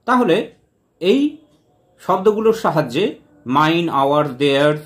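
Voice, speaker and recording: A man teaching English grammar in a lesson, explaining step by step and slowly repeating each example sentence word by word. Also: a little high. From West Bengal.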